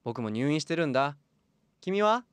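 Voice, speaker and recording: A friendly, lonely little boy in hospital, acted by a man for a tabletop game. The voice lifts high and lively, with childlike simple phrasing. It is recorded close and dry. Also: normal speed, clear, resonant tone, dry recording. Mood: friendly, eager. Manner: calling out and chatting in simple childlike words. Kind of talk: tabletop role-play. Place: small padded studio room. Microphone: close studio microphone on boom arm.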